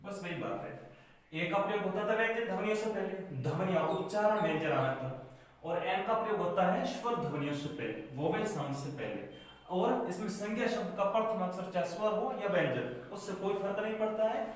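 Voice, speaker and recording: A man's voice: high voice, lively intonation, brisk. A male school teacher with a Rajasthani Hindi accent explains grammar at a board, asking questions and answering them himself, recorded from far off in an echoey classroom.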